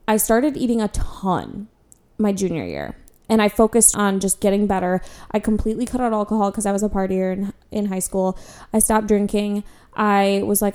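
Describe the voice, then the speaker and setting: Young woman vlogger, warm relaxed tone, candid chatty storytelling full of fillers. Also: medium pitch, clear, resonant tone. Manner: chatty, candid, self-deprecating, frequent "like" fillers. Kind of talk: casual personal storytelling.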